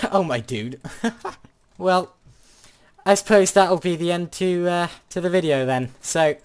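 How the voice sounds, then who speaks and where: Low-voiced woman gaming. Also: expressive, unhurried, a little mellow, clean tone. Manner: chatty, stammering restarts, dry jokes. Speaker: channel host playing a minecraft minigame. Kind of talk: casual gaming commentary.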